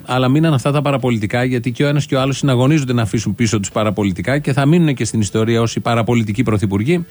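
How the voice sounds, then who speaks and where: A man's voice: mid-range voice, darkish tone. A man hosting a satirical show, giving scornful political commentary full of rhetorical questions.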